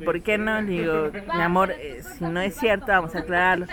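A woman's voice: fairly low pitch, moderate pace, crowd noise. A woman telling a family story in casual chat, acting out the voices of her child and others.

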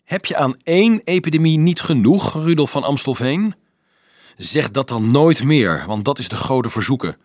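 Guy doing a smug teasing young student, bouncy pitch, husky, dry sound. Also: lively intonation, normal speed, no echo. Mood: mocking. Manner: mocking, offhand. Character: mocking young Italian student, sly.

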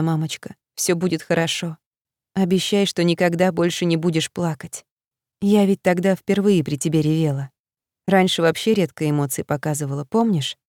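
A woman reading as a quiet, sorrowful mother. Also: fairly low pitch, no room sound, clean studio sound, natural voice. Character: weary tearful middle-aged mother. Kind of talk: audiobook dialogue reading.

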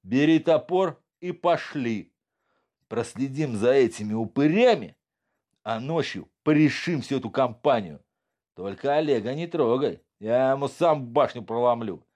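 A man's voice: medium pitch, lively intonation, measured pace, darkish tone, pitched above the performer's own voice, natural voice. A man voicing a drunk, vengeful young male thug who swears crudely and threatens. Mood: menacing drunk. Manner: crude, menacing, slurred swearing.

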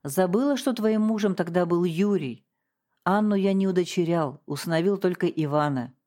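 A woman's voice: fairly low pitch, moderate pace, mellow, lightly acted. A woman reading the part of a harsh, domineering middle-aged husband, cold and cutting. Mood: cold, sarcastic. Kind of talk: audiobook character reading.

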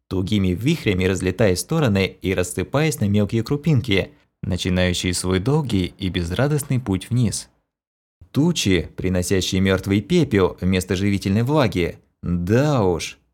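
A man reading a first-person novel aloud as an expressive audiobook narrator. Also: low voice, moderate pace. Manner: expressive storytelling.

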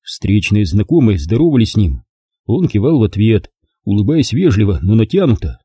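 A man reading a novel aloud as an expressive audiobook narrator. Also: lowish voice, normal speed, breathy edge, no room sound, studio quality. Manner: expressive storytelling. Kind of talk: scripted narration.

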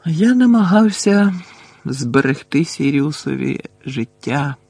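A man voicing a tired, wise old wizard headmaster, speaking softly and evenly. The voice has a gravelly, husky grain, recorded close in a dry space. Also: on the high side, animated, no room sound, heavily acted. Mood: weary. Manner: quiet, measured, gentle. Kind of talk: audiobook character voice.

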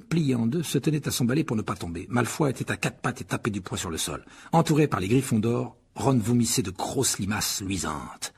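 Guy reading an audiobook, breathy husky voice, lots of pitch movement. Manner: expressive, storytelling. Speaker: audiobook narrator. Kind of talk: scripted narration.

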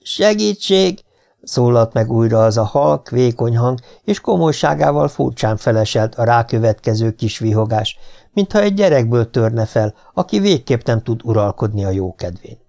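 Male audiobook narrator, dark tone. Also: mid-range voice, animated, vocal fry. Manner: dramatic storytelling. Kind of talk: scripted narration.

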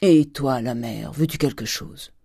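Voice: mid-range voice, measured pace, gravelly, mellow, breathy edge, no room sound, studio quality. A reader voicing a miserly old former cooper who jokes in a folksy, blustery way. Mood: gruff banter.

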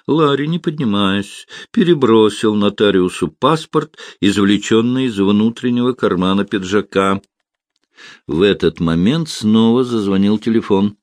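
A man narrating an audiobook with an expressive, engaged reading. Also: lowish voice, measured pace, no room sound. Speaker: audiobook reader.

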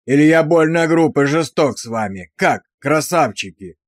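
A man voicing a brutal, abusive male drill sergeant who barks insults with slow, hammering emphasis. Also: a little high, animated, no room sound, studio quality, natural voice. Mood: mocking.

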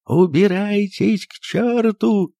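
A man voicing an aging doctor who is bitter and weary, who shouts shrilly in fits and otherwise speaks in a tired, resigned way. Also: mid-range voice, expressive, normal speed, gravelly, husky, no room sound. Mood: furious shouting.

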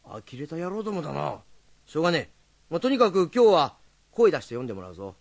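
An actor playing a hot-headed young rakugo storyteller, blunt and quick to scold. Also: male voice, on the high side, big pitch swings, dry recording, full character voice. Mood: gruff. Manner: gruff, rough-tongued and quick to scold. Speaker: rakugo storyteller teaching students. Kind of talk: film drama acting.

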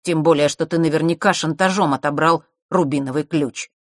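A woman's voice: deep voice, fairly even intonation, fairly quick, dry recording, studio quality. A woman voicing a gloomy teenage boy who answers curtly. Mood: sullen. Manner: gloomy, curt. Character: sullen brooding teenage boy.

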